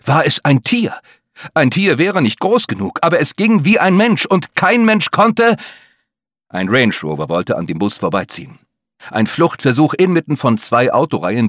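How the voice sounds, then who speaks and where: A man's voice: medium pitch, no room sound, clean studio sound. A man reading a tense thriller as an audiobook narrator, with dramatic storytelling. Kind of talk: scripted narration.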